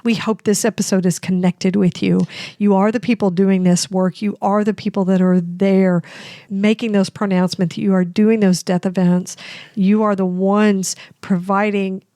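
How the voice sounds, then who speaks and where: Female podcast co-host, average pitch, effusive, congested post-cry voice, dry sound. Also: dark tone, no room sound. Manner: effusive, addressing listeners directly. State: congested from recent crying. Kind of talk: conversational hosting.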